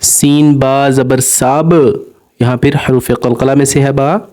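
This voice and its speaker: A man teaching Quran recitation, spelling out each letter and syllable and then drawing out the joined word slowly and patiently. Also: medium pitch, level tone, a little mellow.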